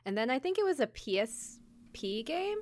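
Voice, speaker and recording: A podcast co-host chats casually about anime in a high, sing-song voice at a moderate pace. She comes across as apologetic, giggly and prone to hedging.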